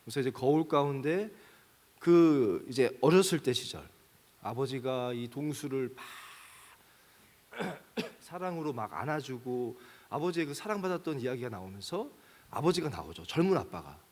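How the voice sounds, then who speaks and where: A man's voice: mid-range voice, animated, normal speed, a little mellow. A man preaching a sermon, retelling a film scene and acting out its lines, then building to emphatic questions. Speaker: pastor. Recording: long reverb of a large hall.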